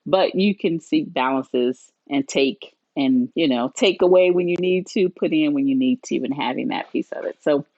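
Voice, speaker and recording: A woman's voice: low voice, moderate pace, few pauses, no echo. Reflective woman in her forties, dry dull audio. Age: 40s. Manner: reflective, laughs often, says "right?" a lot. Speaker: podcast co-host. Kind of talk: casual chat.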